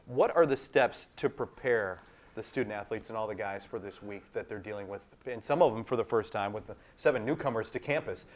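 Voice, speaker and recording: A man's voice: fairly low pitch, a little fast. A man hosting a college basketball coach's radio show, interviewing the coach and reading promotions with upbeat emphasis. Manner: upbeat, emphatic when plugging tickets. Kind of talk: sports radio host, promotional reads.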